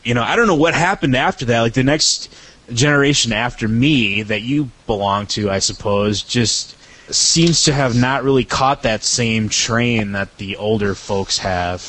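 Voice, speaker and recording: A man's voice: mid-range voice, unhurried, fairly bright tone, low-quality recording. Thirties man, casual podcast co-host. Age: 30s. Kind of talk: casual chat.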